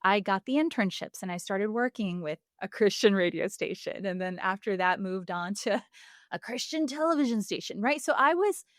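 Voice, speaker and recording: A Puerto Rican woman in her forties, a singer and voice coach, talks openly and reflectively in a podcast interview, laughing often and using lots of fillers. Her mid-range voice is expressive at a normal speed, and the clean studio recording has no room sound.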